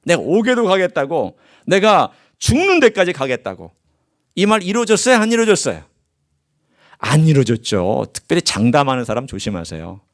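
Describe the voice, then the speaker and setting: Male pastor preaching with a lively pitch. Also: normal speed. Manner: asks the congregation rhetorical questions; reads scripture aloud in formal biblical diction. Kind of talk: sermon. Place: church sanctuary.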